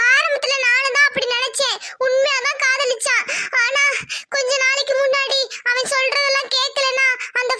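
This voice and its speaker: A woman's voice: extremely high pitch, bright, forceful tone, full character voice. A woman voicing a frightened, tearful young village woman in a cartoon, speaking hesitantly.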